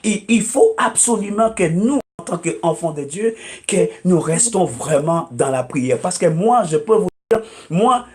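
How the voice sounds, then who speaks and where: A native English-speaking man appears as a guest preacher on a talk show, emphatic and repetitive, with frequent hesitant "euh"s. His high, animated voice keeps a measured pace with hardly any pauses.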